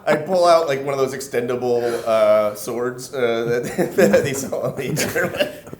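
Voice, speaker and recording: A man's voice: mid-range voice, normal speed, darkish tone, slight background noise. A man playing in a tabletop game, chatting casually and playfully. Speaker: player.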